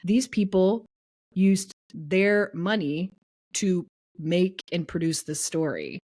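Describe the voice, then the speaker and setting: An excitable young woman chats on a podcast with her friends. Her voice sits a little low for a woman, and she gets animated fast, talking through her enthusiasm. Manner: animated, enthusiastic, breaks into song. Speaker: podcast co-host. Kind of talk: casual chat.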